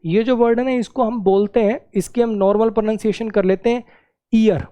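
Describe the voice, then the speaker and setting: A man's voice: high-pitched, steady tone, a little fast, mellow, lo-fi sound. A man teaching English grammar in a classroom-style lesson, repeating key words and checking that students follow.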